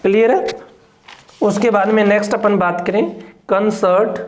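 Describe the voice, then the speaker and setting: A patient phonetics teacher speaks slowly and evenly. Words are split into single sounds and repeated in drills, with frequent checks that the class is following. The voice rings around an echoey room while the teacher writes on a board. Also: mid-range voice, steady tone. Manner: breaks words into syllables and drills them slowly, often asks "clear?". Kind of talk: classroom lesson.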